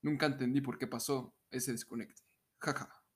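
With a Mexican accent and a medium-pitched voice, this young podcast co-host keeps his intonation fairly even at a moderate pace. He trades casual comedic chat and reads stories, joking around and readily breaking into laughter.

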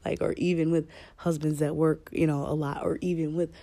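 A woman hosting a podcast in casual, rambling, candid talk, with a deep chesty voice that is a bit scratchy from a cold. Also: little pitch movement, brisk, warm tone, no room sound. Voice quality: slightly scratchy. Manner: candid, informal, swearing freely. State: fighting a cold. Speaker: podcast host.

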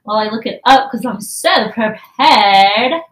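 A woman's voice: a little high, animated, takes it slowly, fairly bright tone, roomy sound, poor audio. A woman co-hosting a podcast in casual chat, joking in a dry, sarcastic way. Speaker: podcast co-host.

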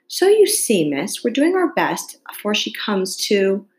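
An anxious little storybook gardener, read by a woman, humble and eager to explain. The speech is halting and deferential, with rustic turns of phrase. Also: mid-range voice, wildly swooping pitch, voice pushed up. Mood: nervous, apologetic. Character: anxious, apologetic playing-card gardener, humble and plain-spoken.

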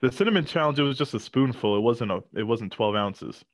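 A man's voice: medium pitch, expressive, fairly quick, no echo, clean studio sound. A man co-hosting a podcast in a laid-back, wry, casual chat. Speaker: podcast co-host.

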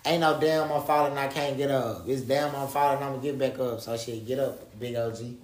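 A man's voice: medium pitch, fairly even intonation, brisk, slight background noise. Slangy man podcasting in an echoey room. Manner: street slang, repeatedly addresses listener as bro; repetitive, emphatic phrasing. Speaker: podcast co-host. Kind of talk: casual opinionated podcast chat.

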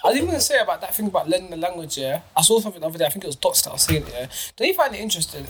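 A podcast co-host in casual chat, talking in an animated, laughing way. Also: medium pitch, racing, a little hiss or hum.

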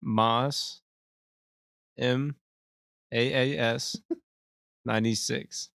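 A man's voice: medium pitch, fairly even intonation, extremely slow, gravelly, a bit bright, smooth, dry recording, studio quality. A man talking casually as a podcast guest, laid-back and full of fillers. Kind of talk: casual chat.

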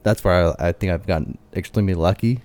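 A man's voice: low voice, quick pace, a little mellow. A man in his thirties talking casually and candidly, rambling with lots of fillers. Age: 30s. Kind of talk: casual chat.

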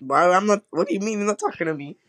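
A man chatting casually over a call, heard through laggy, low-quality stream audio. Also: expressive, fast talker, crowd noise. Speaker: friend on a call. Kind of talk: casual chat. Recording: distant, glitchy call audio.

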